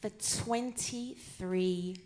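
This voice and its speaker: A woman's voice: medium pitch, very slow, a little mellow. A woman, a comedian, telling stories in a chatty, self-mocking way in a live stand-up show. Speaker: comedian and impersonator.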